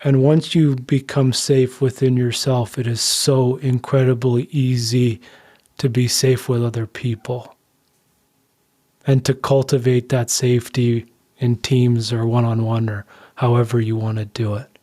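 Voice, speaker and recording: A man co-hosting a podcast, talking in an earnest, slow and deliberate way. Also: medium pitch, flat delivery, mellow. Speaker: podcast co-host. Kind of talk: reflective podcast talk.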